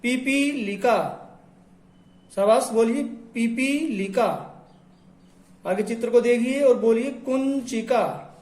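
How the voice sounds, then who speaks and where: A man's voice: very high voice, a little slow, a little mellow. A man teaching a textbook lesson, patiently saying words and having pupils repeat them. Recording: echoey room.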